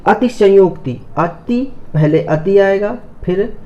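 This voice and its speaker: A man teaching a spelling lesson, spelling out each word slowly, repeating it and asking whether students understood. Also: high-pitched, a little mellow, muffled recording. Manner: slow, repeats each word several times, checks understanding.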